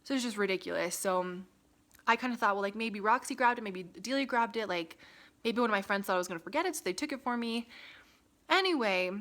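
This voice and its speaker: A woman's voice: mid-range voice, lively intonation, fast talker, fairly bright tone. Chatty young vlogger girl, lots of likes and ums, laughing as she talks into her phone. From Las Vegas, USA. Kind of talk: casual chat to camera. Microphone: phone camera.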